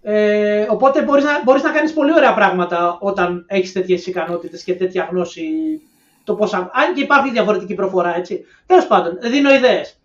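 A woman co-hosting a podcast in casual analytical chat, speculating and offering her ideas in a knowing tone. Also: medium pitch. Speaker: podcast co-host. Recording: distant, echoey, dull-sounding mic.

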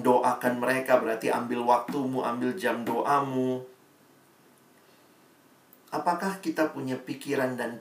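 A man preaching a sermon to young people, animated and acting out the voices he quotes. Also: medium pitch, creaky. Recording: echoey room, distant mic.

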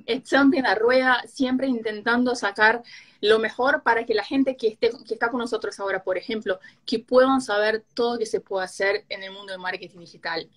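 A Brazilian woman whose first language is Portuguese hosts a casual live-stream chat, speaking with a Uruguayan-Argentine Spanish accent. Her voice is on the high side and a little fast.

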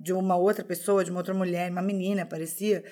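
A woman co-hosts a podcast in relaxed, casual chat. She speaks candidly and pokes fun at herself. Her sentences often break off and restart. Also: on the low side, fast talker. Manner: chatty, candid, self-deprecating, many restarts. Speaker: podcast co-host.

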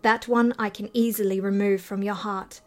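A woman's voice: medium pitch, level tone, moderate pace, natural voice. A woman voicing a trusting young male hunter who speaks earnestly in a fairy tale reading.

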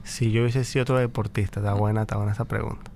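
A man being interviewed on a sports podcast as a baseball league executive, answering in a measured way with many pauses and fillers. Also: on the low side, flat delivery, darkish tone, slight background noise.

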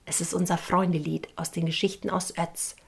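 A woman's voice: lowish voice, flat delivery, moderate pace, gravelly, slightly rough. A woman co-hosting a children's show, talking directly to the kids and introducing a song.

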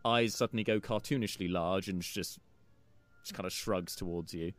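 A man narrating a tabletop game as game master, improvising and often halting to search for his phrasing. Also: sits low, loud music behind the voice.

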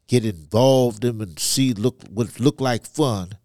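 A man from Ivory Coast, giving personal testimony as a podcast guest in halting, hesitant phrases. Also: mid-range voice, a little mellow, dry recording, clean studio sound. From Ivory Coast, West Africa. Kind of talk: personal testimony in a conversational interview.

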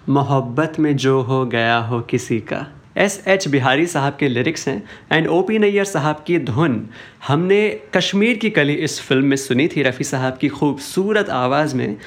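A man hosting a casual lesson on words from old film songs, slipping English phrases into his Hindi. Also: fairly high pitch. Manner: mixes Hindi with English phrases, sings song lines slowly. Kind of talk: casual spoken lesson with sung excerpts.

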